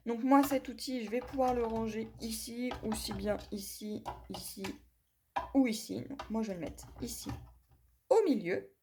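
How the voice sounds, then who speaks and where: There's background noise as a woman with a fairly high voice, speaking at a normal speed, reviews a craft tool by demonstrating it. She chats her way through each step, saying "voilà" and "hop" often, and apologizes for her pronunciation of English.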